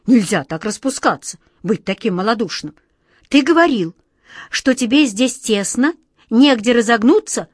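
A woman's voice: medium pitch, no room sound. Lady reading as a young wizard kid, firm and scolding, bossing someone around, dry close sound. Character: young boy wizard, earnest and commanding. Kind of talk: audiobook reading.

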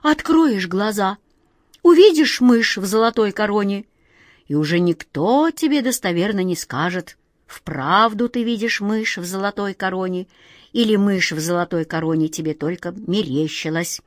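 A woman reading a storybook and voicing a kindly, sly auntie who talks slowly and coaxingly. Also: mid-range voice, no echo, clean studio sound, close to an everyday voice. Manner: slow, drawn-out, fond coaxing tone.

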